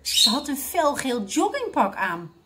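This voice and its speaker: A woman working as a library reading consultant, reading a children's book aloud with expressive storytelling. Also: high-pitched, measured pace, very noisy.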